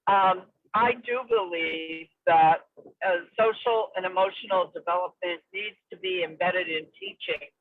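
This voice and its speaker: A woman's voice: on the low side, a little slow, no echo. A woman calling into a meeting on a car speakerphone while driving, speaking hesitantly with many fillers. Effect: phone call from a car speakerphone. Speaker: meeting participant. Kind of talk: casual remarks in an online meeting. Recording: tinny dry phone line from a car.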